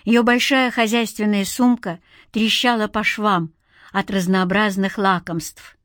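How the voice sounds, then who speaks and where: A woman reading a novel aloud in measured, expressive audiobook narration. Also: mid-range voice, dry recording, studio quality.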